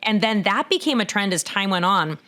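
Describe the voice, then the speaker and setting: A woman in her thirties co-hosting a podcast, explaining things in a chatty, casual way, laughing often and getting animated when she quotes people. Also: mid-range voice, moderate pace. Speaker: podcast co-host.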